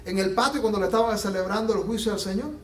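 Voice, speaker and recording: A man preaching a sermon as pastor, animated and acting out the Bible scenes he tells. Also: high-pitched, fast, a little hiss or hum. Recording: echoey room from a distance.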